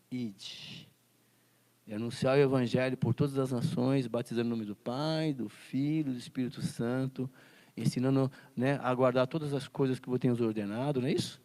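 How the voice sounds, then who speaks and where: A man's voice: mid-range voice, warm tone. A man teaching a Bible school lesson, quoting scripture and asking the class rhetorical questions. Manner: quotes scripture and acts out classroom scenes.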